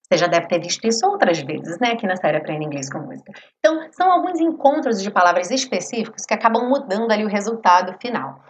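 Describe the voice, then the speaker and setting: A woman English teacher in a live online class, talking her students through pronunciation. Her voice sits in a middle register, and she slows right down to model phrases. A faint hiss runs underneath. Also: medium pitch, a bit bright. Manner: explanatory, demonstrates English pronunciation slowly.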